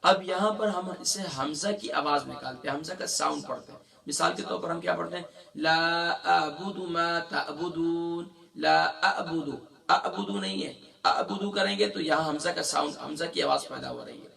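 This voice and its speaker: A man teaching a Quran recitation lesson in a strongly gravelly, bright voice, a bit higher than most men. He has a sore throat and slowly stretches out each syllable as he recites, then explains quickly. He sounds a little distant from the mic. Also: big pitch swings.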